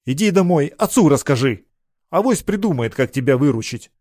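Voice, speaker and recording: A young blacksmith apprentice, put on by a male narrator who brushes others off in short, hard phrases. His voice sits slightly higher than the narrator's and stays hushed and clipped. The sound is dry and close. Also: lively intonation, normal speed, no room sound. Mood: cold rebuff. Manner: terse, harsh, hushed.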